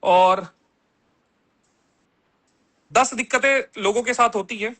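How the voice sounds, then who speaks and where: A man's voice: extremely high pitch, slow pace, sharp tone. A young man talking loosely and bluntly with his chat during a live stream, reading out questions and answering them.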